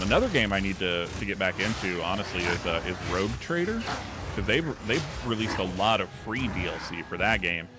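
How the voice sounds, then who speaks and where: A man with a very low voice rambles happily through a gaming livestream, full of ums and restarts. Game music plays clearly behind him. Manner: rambling, filler-heavy, enthusiastic. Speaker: streamer. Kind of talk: casual gaming livestream chat.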